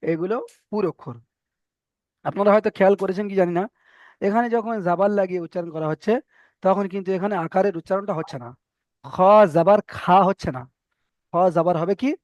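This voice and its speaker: A man teaching an online reading class, slowly drilling letter sounds and repeating syllables for his students. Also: high voice, darkish tone, no room sound, muffled recording. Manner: slow, repetitive drilling of syllables with pauses.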